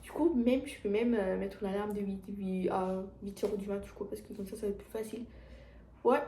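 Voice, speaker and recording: A woman's voice: medium pitch, fairly even intonation, normal speed, mellow, echoey room, a little hiss or hum. A teenage girl with a French accent, talking casually to her viewers in a rambling confessional vlog at home, full of restarts and fillers. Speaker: vlogger. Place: at home, indoors.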